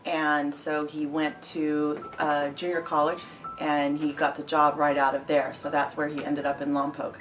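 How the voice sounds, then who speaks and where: A woman speaking in a documentary interview, quiet and halting. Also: low voice, little pitch movement, poor audio. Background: music.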